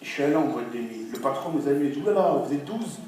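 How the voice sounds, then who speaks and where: A man's voice: mid-range voice, fast. A young man from France performing a stand-up routine, telling a story and acting out the people in it. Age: young adult. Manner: animated storytelling, acting out characters in shifting voices. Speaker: stand-up comedian. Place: comedy venue with audience. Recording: distant echoey live room with crowd noise.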